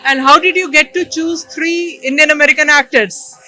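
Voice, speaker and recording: A woman's voice: high-pitched, fairly even intonation, moderate pace, bright, forceful tone, faint music behind. A woman hosting a casual on-camera interview. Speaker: interviewer and host.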